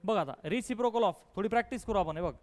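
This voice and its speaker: A man with a Marathi accent teaching a maths class live, coaxing and prodding his students to answer quickly. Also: sits high.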